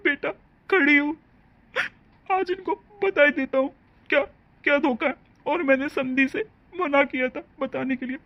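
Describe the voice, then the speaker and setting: A woman's voice: high voice, normal speed, lo-fi sound. A woman voicing a grief-stricken middle-aged father in a dubbed cartoon family drama, speaking in a pleading, heavy way. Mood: grieving.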